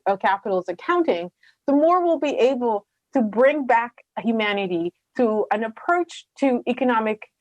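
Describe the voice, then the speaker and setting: Middle-aged woman from Rwanda; earnest, passionate panelist, a bit high, dry sound over a video call. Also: no room sound. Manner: earnest, passionate, quick with fillers. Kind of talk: conference talk.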